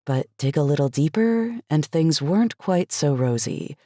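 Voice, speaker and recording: A woman reading a first-person cozy mystery audiobook as an expressive, light storytelling narrator. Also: deep voice, moderate pace, dry recording, clean studio sound.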